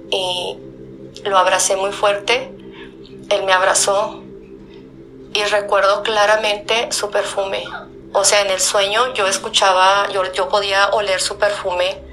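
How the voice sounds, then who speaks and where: A woman, telling personal stories in a soft, heartfelt way that halts and repeats words. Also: medium pitch. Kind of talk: personal storytelling.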